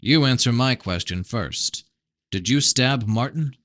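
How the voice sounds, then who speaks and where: For a first-person novel reading, a man voices a blunt, suspicious fantasy prince who interrogates his brother, sounding terse, challenging and pressing. His expressive, medium-pitched voice moves at a measured pace and is a bit bright, with clean studio sound and no echo.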